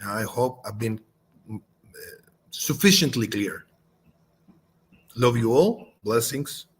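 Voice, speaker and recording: A man from Chile with a Chilean Spanish accent, a native Spanish speaker, giving a halting spoken response in English with many fillers and restarts. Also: medium pitch, lively intonation, husky. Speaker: channel host.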